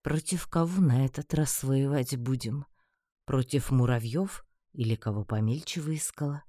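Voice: medium pitch, normal speed, dark tone, dry recording, studio quality, lightly acted. A reader voicing a gloomy, grumbling male talking sword in an audiobook.

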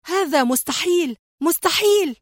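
A woman's voice: medium pitch, expressive, a little fast, no room sound, clean studio sound, close to an everyday voice. A woman voicing a menacing male Italian hitman in a spy audiobook, with a mocking, hot-tempered manner. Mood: stunned, angry.

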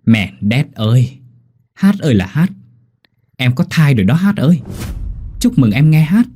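A man voicing a loud, cheerful older village woman neighbor, exclamatory and bossy. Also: on the low side, very animated, normal speed, a little hiss or hum. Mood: boisterous.

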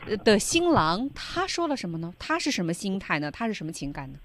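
A woman's voice: medium pitch, very animated, brisk, no echo. A woman hosting a radio English lesson, prompting the teacher with questions and cueing listeners. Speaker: radio host.

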